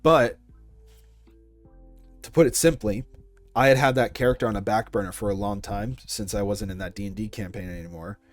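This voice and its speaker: A man in his twenties talks casually about his audio project in an interview, thinking aloud as he answers. His lowish voice moves at a moderate pace with frequent pauses, recorded dry with faint music behind.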